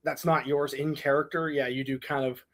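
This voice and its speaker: A man's voice: medium pitch, level tone, normal speed, a bit bright. A young man co-hosting a casual podcast, laid-back and opinionated, laughing often. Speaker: podcast co-host. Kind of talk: casual chat.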